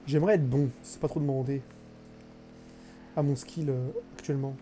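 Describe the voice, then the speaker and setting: A man's voice: mid-range voice, fairly even intonation, moderate pace, warm tone, a little hiss or hum. A young man streaming a live game, chatting with his viewers, joking and mocking himself as he plays. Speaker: gaming streamer. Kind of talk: live gameplay commentary.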